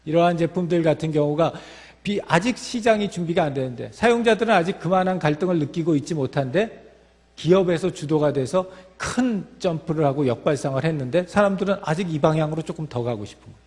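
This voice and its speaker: Male lecturer, explanatory, a bit high, echoing lecture hall. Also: expressive, fast, darkish tone. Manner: explanatory, with fillers and restarts. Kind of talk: lecture talk. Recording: long reverb of a hall.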